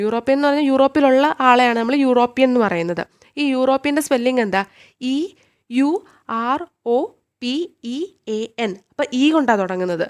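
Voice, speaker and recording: A woman with a Malayali accent teaching an English grammar lesson, patiently asking the listener questions and repeating examples slowly. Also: fairly high pitch.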